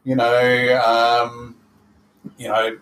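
A man's voice: mid-range voice, completely flat delivery, drawn-out words, a bit bright. A man co-hosting a podcast, dry-witted and hesitant, searching for words. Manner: hesitant, dry, full of "you know" fillers. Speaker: podcast co-host. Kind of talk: casual chat. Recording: echoey room.

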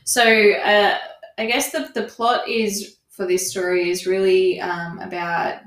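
A woman's voice: mid-range voice, flat delivery, slow, fairly bright tone. Woman podcaster in an echoey room. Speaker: podcast co-host. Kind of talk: casual book review chat.

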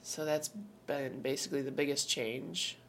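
A woman's voice: extremely low pitch, normal speed, a little hiss or hum. A woman co-hosting a podcast in casual chat, sounding congested and stuffy-nosed from a head cold. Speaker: podcast co-host.

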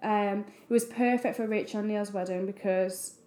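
A woman's voice: mid-range voice, steady tone, normal speed, warm tone. A young woman, a wedding photographer chatting casually as a podcast co-host with lots of fillers. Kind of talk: casual chat. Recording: echoey room.

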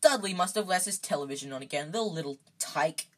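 A woman's voice: low-pitched, expressive, fairly quick, fairly bright tone. A woman voicing a bullying middle-aged uncle in a storybook, blustering and pompous, both menacing and falsely polite. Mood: irritated. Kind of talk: storybook character voice.

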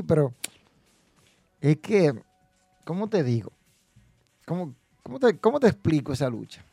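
Fired-up wrestling podcast host. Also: male voice, a little high, dark tone, dry recording. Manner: indignant, mocking, reads chat comments aloud. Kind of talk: animated solo commentary. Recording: dry close-mic with faint music.

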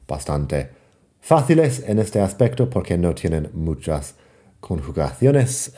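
Slow, very dark-voiced male teacher. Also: a bass voice. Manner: patient, methodical explaining with worked examples. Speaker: language teacher. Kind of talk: recorded lesson.

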